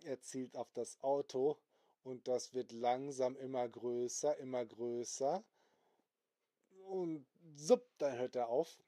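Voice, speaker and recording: A man telling an improvised bedtime story to children at a slow, gentle pace. His voice is dark and mellow, and he adds little sound effects as he goes. The recording is dry and close. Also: medium pitch, steady tone, no room sound.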